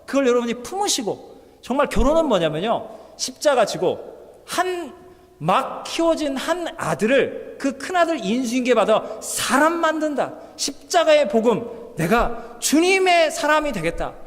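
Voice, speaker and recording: A man preaches with a very high, expressive voice that leaps around as he acts out little scenes. He swings from loud bursts to soft, almost murmured lines. The long tail of reverb says a church hall. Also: moderate pace. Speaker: pastor. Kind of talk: lively sermon with acted-out quotes.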